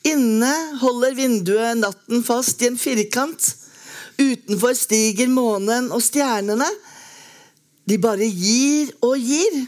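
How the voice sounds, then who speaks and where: A woman reading a lyric poem aloud in a slow, measured, lyrical way with long pauses. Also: on the high side, darkish tone. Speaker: poetry reader.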